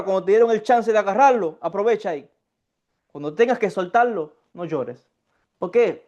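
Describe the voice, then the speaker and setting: Animated high-voiced man teaching Kabbalah. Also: dull audio. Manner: animated, acts out sighs and mock crying, repeats phrases. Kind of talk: lecture.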